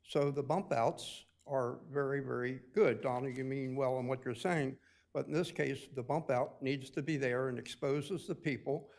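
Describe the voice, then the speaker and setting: A man giving a deliberate public comment at a city committee meeting, explaining street safety step by step. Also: mid-range voice, steady tone, a little mellow. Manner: deliberate, explanatory, with occasional restarts.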